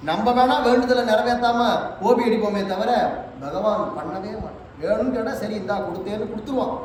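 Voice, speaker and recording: A man giving a devotional religious discourse, telling stories and chanting verses in a drawn-out sing-song. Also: high-pitched, darkish tone. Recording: echoey hall, distant mic, faint noise.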